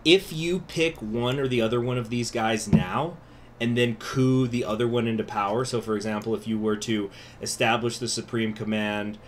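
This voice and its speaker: A man's voice: medium pitch, steady tone, normal speed, slight background noise. A man speaking through a face mask, giving a chatty, informal strategy game tutorial as the host. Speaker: gaming video host. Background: music.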